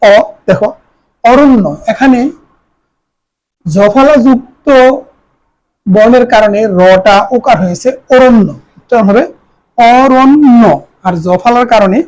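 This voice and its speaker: Woman teaching pronunciation, slow drills. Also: mid-range voice, a little mellow, rough recording. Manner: slows down to stress each example word; repeats words for students to follow. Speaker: Bengali grammar teacher. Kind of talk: classroom lesson.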